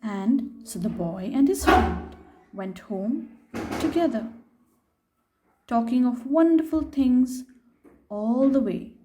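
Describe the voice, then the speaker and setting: A woman reading a picture book aloud to children in an expressive, unhurried way, pausing to put questions to her young listeners. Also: fairly high pitch, heavy background noise.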